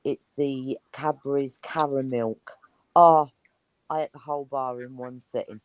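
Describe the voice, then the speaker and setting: A woman's voice: rumbling low, steady tone, normal speed, darkish tone, low-quality recording. A woman chatting casually as a guest, rambling and enthusiastic. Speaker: guest on an online chat show. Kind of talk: casual chat.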